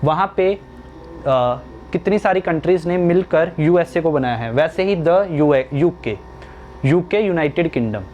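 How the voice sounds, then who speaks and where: A young man teaching English grammar in a slow classroom style, asking questions and answering them himself. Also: on the high side, lively intonation, a little mellow, lo-fi sound, a little hiss or hum.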